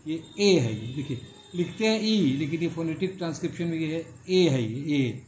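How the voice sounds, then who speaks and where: A man's voice: a little high, animated, a little mellow, a little hiss or hum. A middle-aged man teaching a phonetics lesson, repeating and drawing out each word as he explains it. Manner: slow, repetitive, drawn-out explanations. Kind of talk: classroom lecture on phonetics.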